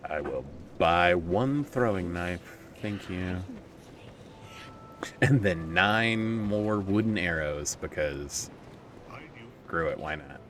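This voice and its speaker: Low-voiced guy rambling through a game stream, jokey, cusses at stuff, faint hiss behind. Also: expressive, takes it slowly, pauses often, fairly bright tone. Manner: joking, talks to himself, swears at enemies. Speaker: streamer playing a video game. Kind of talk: casual gameplay commentary.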